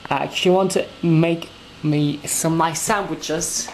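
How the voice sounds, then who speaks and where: A young woman speaks in a low, unhurried voice with fairly even intonation. Making lunch in her small home kitchen, she chats casually to her pet bird for a cooking vlog recorded on a handheld camera with noisy sound.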